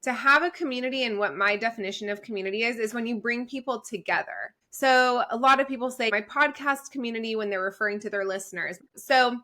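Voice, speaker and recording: A woman in her thirties, from Israel, speaking as a podcast guest in an energetic, conversational way. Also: fairly high pitch, quick pace, few pauses. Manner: energetic, conversational, says "like" often. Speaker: guest, community founder. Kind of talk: podcast interview.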